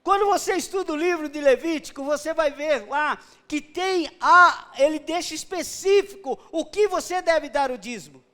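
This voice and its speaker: A man's voice: very high-pitched, moderate pace, few pauses, pushed and bright. A middle-aged man with a Brazilian Portuguese accent, preaching a sermon as pastor and telling stories with rhetorical questions.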